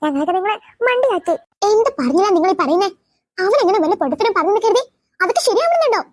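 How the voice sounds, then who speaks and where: A woman voicing schoolgirls in a cartoon, arguing in quick banter. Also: extremely high pitch, big pitch swings. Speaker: voice artist for all characters. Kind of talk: cartoon voice acting.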